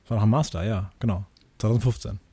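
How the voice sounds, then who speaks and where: A young man co-hosting a podcast in casual chat, lively and jokey. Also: lowish voice, racing, a little hiss or hum. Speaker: podcast co-host.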